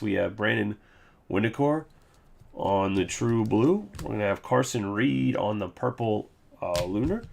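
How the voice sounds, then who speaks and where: A man's voice: lowish voice, gravelly. A man hosting a live card break, casually recapping hits with loose jokes and asides. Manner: loose, joking, reads off card names.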